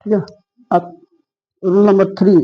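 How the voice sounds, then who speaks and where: Slow husky man teaching. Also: sits high, level tone. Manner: slow, patient, repeats each rule. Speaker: English teacher. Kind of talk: spoken lesson spelling out words. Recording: dull lo-fi sound.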